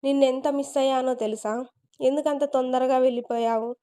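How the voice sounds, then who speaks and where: An emotional middle-aged man, just awake after years, pleads through tears, read by a woman storyteller. The voice sits fairly high and sounds smooth and clear. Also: steady tone, brisk, mellow, natural voice.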